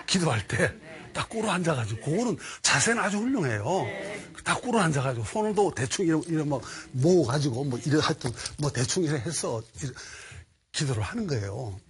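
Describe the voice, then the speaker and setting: A man giving a lecture, telling a humorous story in lively, colloquial speech. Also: a little high.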